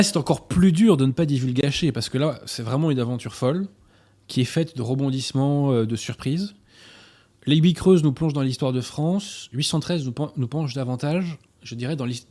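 A man hosting a talk, presenting novels and reading passages aloud in a measured, sometimes hesitant way. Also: mid-range voice, a little mellow. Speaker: host presenting books. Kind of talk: book presentation and read-aloud.

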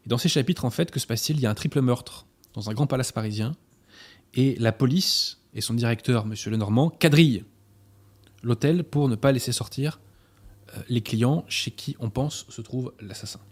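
A man hosting a talk, presenting novels and reading passages aloud in a measured, sometimes hesitant way. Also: mid-range voice. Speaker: host presenting books. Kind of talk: book presentation and read-aloud.

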